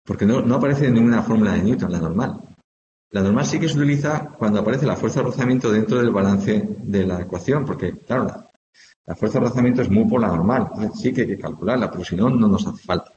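A man's voice: on the low side, fast, warm tone. A male physics teacher from lecturing informally, explaining step by step and thinking aloud as he checks with his students. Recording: echoey hall, dull lo-fi sound, faint background noise.

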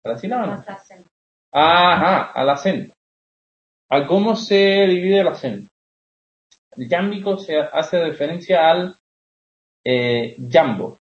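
A man's voice: on the high side, expressive, slow pace, long pauses. A young man, teaching a poetry class and often checking that students follow. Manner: explanatory, keeps checking with questions. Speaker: literature teacher. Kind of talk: classroom lecture. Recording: roomy, dull classroom recording.

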